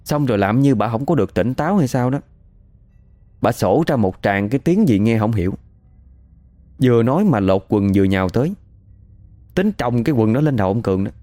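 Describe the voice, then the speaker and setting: A man's voice: mid-range voice, animated, brisk, pauses often, mellow, dry recording. A man telling a story in a chatty, matter-of-fact way. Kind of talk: casual spoken storytelling.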